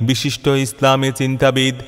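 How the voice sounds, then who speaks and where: A man's voice: mid-range voice, completely flat delivery, a bit bright, clear, resonant tone. Echoing, chanting Bangladeshi male announcer. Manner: declamatory, chanting cadence with drawn-out phrases. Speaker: event announcer. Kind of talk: scripted loudspeaker advertisement for a religious gathering. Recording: long echoing reverb, faint music behind.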